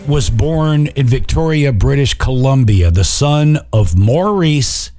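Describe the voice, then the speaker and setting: A male podcast host with a lively, swinging delivery, playful and teasing, chatting casually as he quizzes his co-host. He sits at a middle pitch for a man, and faint music plays under him. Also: takes it slowly. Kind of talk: casual chat and quiz hosting.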